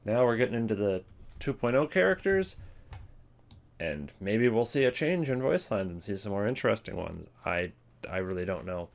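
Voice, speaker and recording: Here the male video creator is very animated, with a low-side pitch, vocal fry, and a normal speaking rate. He's ranking game voice lines in loose, rambling commentary, offhand and hesitant, frequently interrupting himself.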